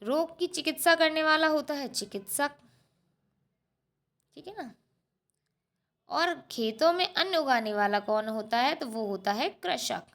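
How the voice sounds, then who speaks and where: A woman with a high voice teaches a school lesson. She explains each point step by step, repeats the answers and keeps asking the class short rhetorical questions. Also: animated, measured pace, pauses often, fairly bright tone. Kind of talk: textbook lesson walkthrough.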